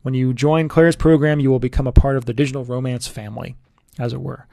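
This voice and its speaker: A man, a relationship coach, giving an earnest, persuasive sales pitch straight to the listener. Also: steady tone, fast, gravelly, mellow, no echo, clean studio sound.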